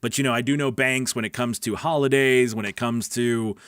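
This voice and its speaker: The host of a weekly live voice-over coaching stream reads viewer comments and answers their questions in a chatty, informal way, often checking that listeners are following. His medium-pitched voice is clear, resonant and a bit bright, steady and fairly quick. The recording is dry, with clean studio sound.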